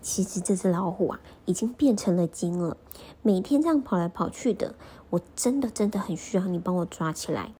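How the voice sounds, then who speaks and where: A woman voicing a male city general who pleads insistently, in a breathy voice. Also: fairly low pitch, expressive, fairly quick, warm tone. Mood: pleading.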